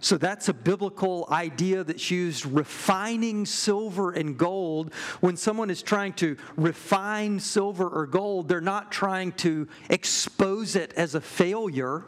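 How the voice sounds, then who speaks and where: A middle-aged man preaching a sermon, earnest and measured, pausing and restarting now and then. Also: high voice. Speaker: pastor.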